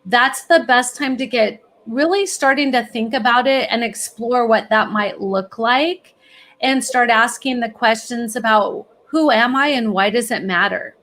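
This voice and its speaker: A woman's voice: on the high side, a little slow, fairly bright tone. A woman as a guest expert in a podcast interview, giving upbeat, encouraging advice. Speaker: college planning expert, guest.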